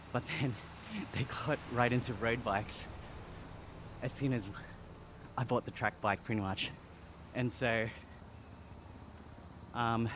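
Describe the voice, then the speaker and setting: A young Australian man from Sydney chatting casually on a live stream, relaxed and talkative as he reads and answers chat. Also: lowish voice. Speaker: livestreamer. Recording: clear background noise with insects.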